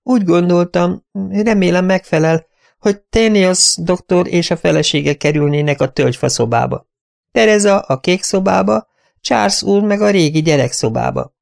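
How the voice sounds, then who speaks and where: A man's voice: high voice, creaky, pitched above the performer's own voice. A man voicing a fluttery, timid middle-aged female companion who talks in breathless, apologetic bursts. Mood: flustered.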